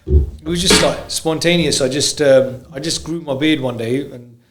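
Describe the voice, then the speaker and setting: A man's voice: medium pitch, moderate pace, heavy background noise. A man, a guest DJ chatting casually on a podcast, talking hesitantly with lots of fillers and restarts. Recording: roomy echo.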